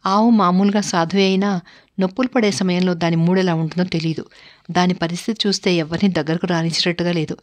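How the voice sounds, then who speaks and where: A woman narrating a family story in the first person, steady and unhurried. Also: lowish voice.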